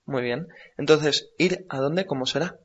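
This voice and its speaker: Slow, patient male language teacher. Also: a little high, fairly bright tone. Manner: slow, patient, repeats words for practice. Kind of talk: radio language lesson. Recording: dull lo-fi recording.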